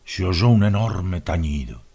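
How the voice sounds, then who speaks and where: Expressive, husky narrator. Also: male voice, low voice, unhurried. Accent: Latin American Spanish. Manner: expressive, dramatic reading. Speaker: audiobook narrator. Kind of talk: scripted narration.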